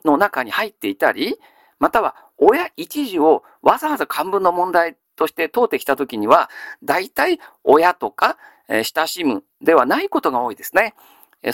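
A male teacher giving a grammar lesson, asking questions and answering them himself, with frequent drawn-out fillers. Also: on the high side, no echo, clean studio sound. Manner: steady lecturing with many drawn-out fillers; quizzes listeners then answers himself. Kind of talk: classical Chinese grammar lesson.

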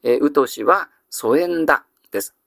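Guy teaching exam vocab, bouncy animated voice, patient, lots of drawn-out ums, dry sound. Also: on the high side, creaky, no echo. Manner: patient, explanatory, many drawn-out fillers. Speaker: classical Japanese teacher. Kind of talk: exam-prep vocabulary lecture.

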